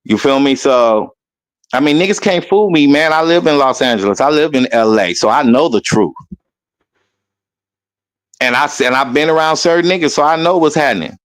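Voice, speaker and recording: A man in casual conversation, telling a rambling story and mimicking other people loudly as he goes. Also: fairly high pitch, moderate pace. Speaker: guest.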